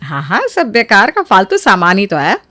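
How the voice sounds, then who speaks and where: A woman's voice: mid-range voice, huge pitch swings, normal speed, sharp tone, no room sound. A woman voicing a stern, bossy mother-in-law who orders the household around in a family storybook. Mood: casual. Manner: scolding, bossy. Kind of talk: storybook character acting.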